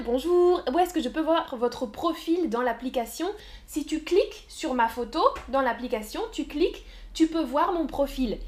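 A woman teaching French on a live stream, speaking slowly and clearly, repeating words and answering viewers in the chat. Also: sits high. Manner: slow, clear teacherly delivery with repetitions. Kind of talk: live-stream language lesson.

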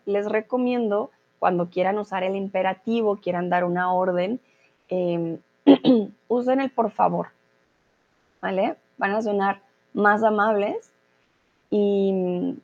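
Woman teacher going slow n patient, lowish voice, bit muffled lo-fi sound. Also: darkish tone. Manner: patient, explanatory, checks in with "¿vale?". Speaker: Spanish teacher. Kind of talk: online grammar lesson.

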